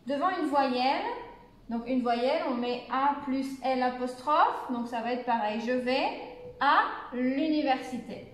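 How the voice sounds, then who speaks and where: A woman from France, a university French teacher, giving a beginner lesson and slowly enunciating example phrases. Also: high-pitched. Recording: very echoey room.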